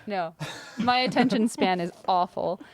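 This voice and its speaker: A woman's voice: medium pitch, measured pace. A woman co-hosting a casual podcast, friendly and steering the segments. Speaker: co-host.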